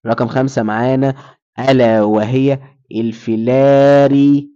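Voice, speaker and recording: A man's voice: mid-range voice, fairly even intonation, a little slow, mellow, smooth, muffled recording. A man with an Egyptian Arabic accent giving a recorded lecture, who asks his students questions and then answers them himself.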